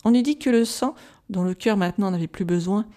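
A woman reading a gothic novel aloud as an audiobook, calm and measured, softly voicing the quoted lines. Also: mid-range voice. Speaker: audiobook reader. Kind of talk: scripted narration of a gothic novel.

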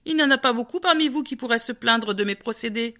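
A woman's voice: on the high side, quick pace, sharp tone. Woman voicing a blunt boastful bear. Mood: gruff. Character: heavy bossy male bear, forest master.

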